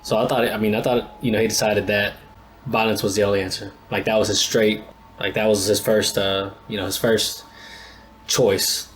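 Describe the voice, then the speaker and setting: Man, low voice, casual rambling reaction commentary, faint hiss behind. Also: flat delivery, moderate pace. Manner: laid-back, rambling, thinks aloud with many restarts. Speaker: anime reaction channel host.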